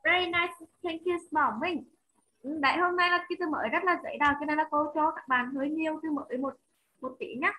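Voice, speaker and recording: A woman English teacher with a Vietnamese accent, slowly and clearly modelling words for children in an online lesson. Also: high-pitched, bright, forceful tone, poor audio. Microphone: computer mic on a video call.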